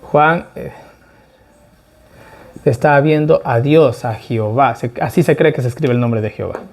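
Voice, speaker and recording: A middle-aged man teaching an informal Bible study, talking with his group, asking them questions and slowing down to stress key words. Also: medium pitch, a little mellow. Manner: conversational, asks the group questions, tag "¿ya?".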